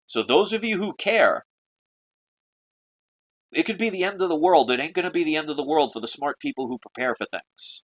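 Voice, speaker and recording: A man's voice: fairly high pitch, lively intonation, normal speed, pauses often, fairly bright tone, rough recording. A man delivering an urgent, preachy video monologue to his viewers, full of rhetorical questions. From United States. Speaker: political video blogger. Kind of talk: ranting monologue to camera.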